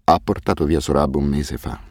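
A man voicing a weary, guilt-ridden orphanage director who speaks haltingly and turns bitterly defensive. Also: very deep voice, vocal fry, a little mellow, no echo, studio quality, full character voice. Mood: grave, ashamed.

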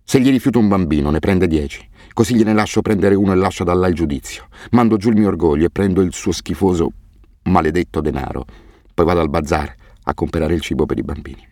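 A man voicing a weary, guilt-ridden orphanage director who speaks haltingly and turns bitterly defensive. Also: deep voice, dark tone, no echo, studio quality.

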